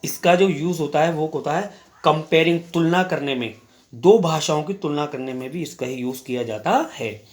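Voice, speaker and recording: A man teaching a class in Hindi, reading English examples slowly and answering his own questions as he explains. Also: fairly high pitch. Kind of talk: classroom lecture.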